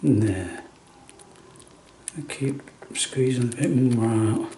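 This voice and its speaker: Slow-talking, coaxing man in an echoey room. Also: mid-range voice, mellow. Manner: coaxing, blokey, says "mate". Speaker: animal carer filming a home feeding. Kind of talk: casual murmured chat to a pet. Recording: echoey room, faint noise and clicks.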